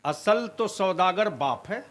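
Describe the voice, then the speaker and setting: A man preaching a fiery sermon at an outdoor gathering, questioning the crowd and rising into shouts. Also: high-pitched, animated, slow pace. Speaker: Islamic preacher.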